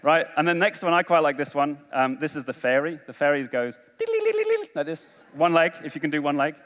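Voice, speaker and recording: Energetic man on stage in a reverberant hall. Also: fairly high pitch, quick pace, clear, resonant tone. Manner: energetic, coaxing, rallying a large crowd. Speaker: conference speaker. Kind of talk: conference talk leading an audience game. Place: large conference hall.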